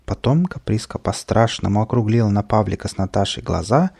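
Gravelly male storybook narrator. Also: lowish voice, lively intonation, brisk, darkish tone. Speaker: audiobook narrator. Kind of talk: children's storybook reading.

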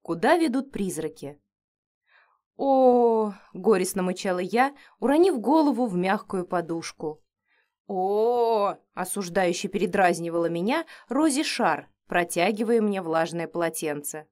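A woman reading a first-person story aloud as an audiobook narrator, expressive and acting out the heroine's lines. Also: on the low side, moderate pace, hardly any pauses.

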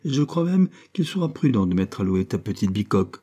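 A man's voice: fairly low pitch, big pitch swings, a little fast, warm tone, breathy edge. A man voicing a cold, haughty middle-aged mother in an audiobook, curt, dry and commanding. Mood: peevish. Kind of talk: audiobook character reading.

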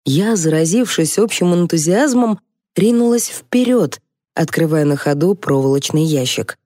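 Low-voiced woman narrating an audiobook. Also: animated, moderate pace, dark tone, no room sound, studio quality. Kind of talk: scripted narration.

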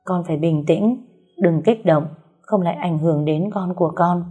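A firm, caring old grandmother in an audiobook, steady and admonishing, as a woman narrator puts her on. The voice sits low and husky, with a mellow, soft tone. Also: moderate pace, soft background music.

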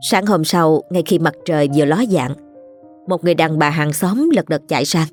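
A woman's voice: deep voice, animated, normal speed, faint music behind. A woman, steadily narrating a ghost story.

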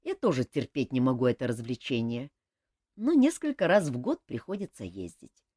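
A woman reading an audiobook, voicing a calm young king who teases with dry humor. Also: very deep voice, moderate pace, slightly rough, no echo, voice pushed down, full character voice. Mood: teasing. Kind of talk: audiobook character voice.

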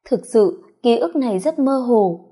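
Mellow woman reading a story. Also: a little high, measured pace, husky. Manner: expressive, first-person. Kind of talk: scripted story narration.

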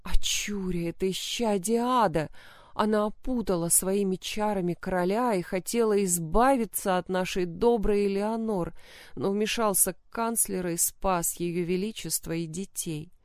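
A woman voicing a hoarse dying beggar girl. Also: mid-range voice, unhurried, no echo, clean studio sound, lightly acted. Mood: weak, hoarse. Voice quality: hoarse, croaking. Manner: weak and quiet, pleading. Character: tortured dying young woman beggar, former lady-in-waiting.

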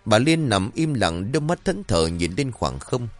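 A man's voice: medium pitch, very animated, moderate pace, faint music behind. A man narrating a scripted horror story in a dramatic, suspenseful way.

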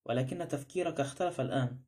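A prickly, defensive doctor, voiced by a man reading a mystery aloud. His replies are curt and cold, quick in pace, with a dark, mellow tone. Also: medium pitch, natural voice. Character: touchy, cold male doctor.

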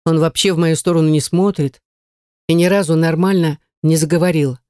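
A woman's voice: low-pitched, steady tone, a little fast, warm tone, no room sound, clean studio sound, natural voice. A woman reading an audiobook, voicing a dreamy, lovesick young female necromancer student who gushes and pities herself. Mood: self-pitying. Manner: dreamy, gushing, self-pitying.

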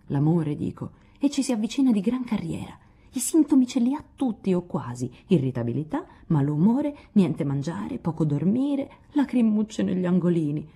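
A woman's voice: mid-range voice, warm tone, husky, voice pushed up. A woman reading an audiobook, voicing Jo, a blunt and impulsive teenage girl who talks in a half-whisper.

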